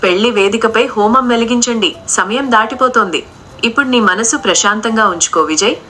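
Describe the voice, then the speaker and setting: A woman's voice: a little high, fairly quick, bright, forceful tone, slight background noise. A woman voicing a stern, controlling older mother-in-law, speaking in a harsh, commanding way. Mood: brisk.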